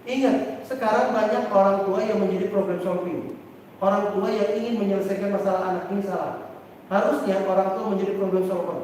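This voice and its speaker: A man, an Islamic teacher, giving a lively parenting lecture and acting out parents and children as he talks. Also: sits high, brisk. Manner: animated, acts out parents and children, asks the audience questions. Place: large seminar room. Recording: distant, very echoey hall with faint noise.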